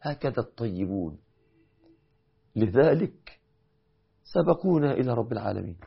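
A man's voice: mid-range voice, sing-song, normal speed, vocal fry, breathy edge. A man with an Egyptian Arabic accent preaching an impassioned sermon, building to emphatic peaks. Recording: dull lo-fi recording.

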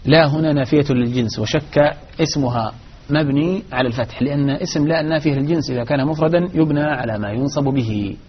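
A man teaching Arabic grammar in a live lesson, explaining in a measured way with frequent restarts. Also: a little high, a little hiss or hum. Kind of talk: live lesson answering questions. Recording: dull lo-fi recording.

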